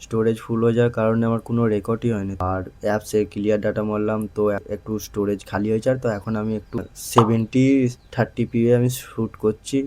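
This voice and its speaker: A man's voice: lowish voice, flat delivery, quick pace, dark tone, a little hiss or hum. A young man vlogging casually to camera, chatting to his viewers as guys while lying on a parked motorbike outdoors at night, filmed on a phone held close. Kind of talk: casual vlog talk to camera.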